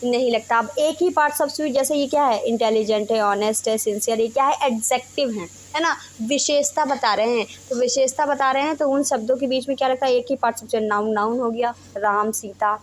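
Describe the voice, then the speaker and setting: Indian woman teaching grammar, high voice. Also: moderate pace, hardly any pauses. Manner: explains step by step, with frequent "है ना" checks. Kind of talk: Hindi-English grammar lesson.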